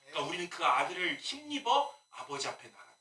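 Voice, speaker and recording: A male pastor preaches with a high, strikingly bright and forceful voice that swings widely in pitch. He keeps throwing rhetorical questions and wry asides at his congregation. The sound comes from a distance in an echoey church sanctuary. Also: big pitch swings, quick pace. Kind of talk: sermon. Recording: echoey room, mic at a distance.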